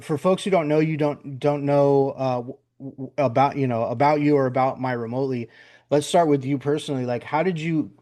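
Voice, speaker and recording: A man's voice: mid-range voice, warm tone. A man hosting a podcast interview in a casual, rambling way, with lots of fillers and repeated words. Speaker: podcast host.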